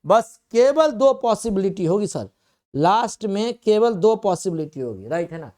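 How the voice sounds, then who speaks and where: A male coaching teacher delivers a classroom math lecture in a high, sing-song, slightly mellow voice at a moderate pace. He coaxes and repeats himself, repeatedly asking the class questions before answering them on his own.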